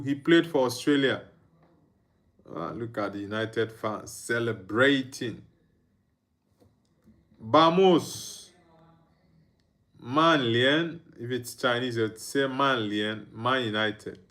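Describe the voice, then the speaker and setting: Speaking slowly in a fairly bright, mid-pitched voice, this young man from Nigeria streams a football watchalong. Between casual chatter he reads out viewers' comments, laughs softly, and hums or sings quietly to himself.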